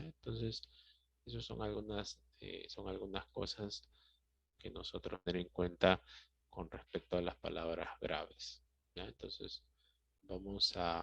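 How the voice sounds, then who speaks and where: A man's voice: sits low, gravelly, dry recording. A male teacher with a Peruvian Spanish accent patiently explaining a grammar lesson, often checking in with his students. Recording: dry, dull lo-fi sound.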